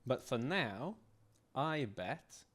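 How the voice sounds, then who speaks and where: A slightly hoarse man who is losing his voice, thinking aloud in a halting, self-muttering way as he works through scripts on a live stream. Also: medium pitch, big pitch swings, fairly bright tone. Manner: halting, restarting, muttering to himself. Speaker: game modder live streaming.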